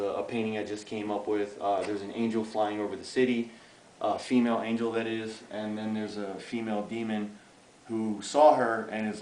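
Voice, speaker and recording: A Bronx graffiti artist in his thirties rambles with many fillers during a casual outdoor interview. His voice is fairly low and a little mellow, captured in a rough recording with room echo and a bit of hiss or hum.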